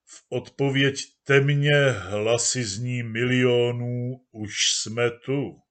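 A man voicing a smooth-talking male party orator with a pleasant baritone, making a slow, rhetorical speech in a storybook reading. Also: steady tone, fairly bright tone, lightly acted. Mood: genial.

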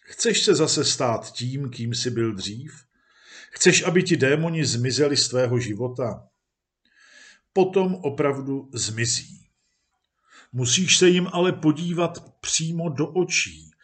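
A man voicing a calm, kindly teacher who gently encourages and reassures. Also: medium pitch, lightly acted.

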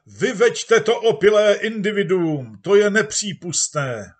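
A man voicing an indignant crowd of workers in a storybook reading, heckling loudly. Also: high-pitched, pitched above the performer's own voice. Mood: outraged. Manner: loud outraged heckling.

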